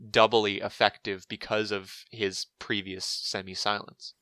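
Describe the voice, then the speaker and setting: A man's voice: on the low side, little pitch movement, a little slow, pushed and bright, no room sound. A man co-hosting a casual podcast, rambling with lots of fillers and restarts. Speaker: podcast co-host.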